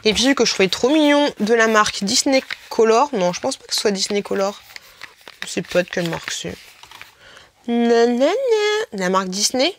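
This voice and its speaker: A woman's voice: a little fast, a bit bright, slight background noise. A young woman chatting casually through a beauty haul, playful and self-mocking. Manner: chatty and playful, mocks squeaky influencer voices. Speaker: beauty vlogger. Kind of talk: casual haul video chat.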